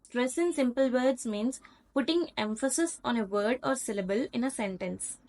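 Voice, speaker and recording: Woman, Indian English accent, online tutor, patient step-by-step explanations, fairly high voice. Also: moderate pace, darkish tone. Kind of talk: explanatory lecture over slides.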